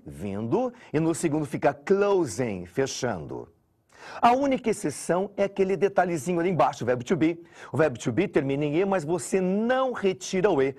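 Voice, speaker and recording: Brazilian man, exam-prep grammar teacher, animated pitch, slightly husky, talks to students directly. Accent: Brazilian Portuguese. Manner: lively, explains step by step and addresses students directly.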